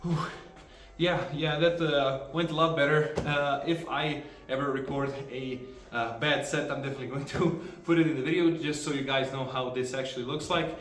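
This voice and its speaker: A man's voice: mid-range voice, steady tone, moderate pace, hardly any pauses, a bit bright. Brief: man, casual training vlog, breezy explainer with fillers, now and then winded, echoey room. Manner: breezy, explaining exercises between sets with many fillers. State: out of breath at times. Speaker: arm wrestler filming his training. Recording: roomy sound from a far camera, faint music.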